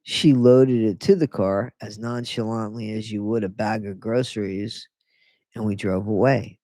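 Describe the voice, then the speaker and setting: This host speaks a little slowly, with medium pitch, fairly even intonation and a mellow tone, in a dry recording. Reading a book to livestream viewers, they keep pausing to reread lines and toss in sarcastic asides, making it a relaxed read-along with commentary.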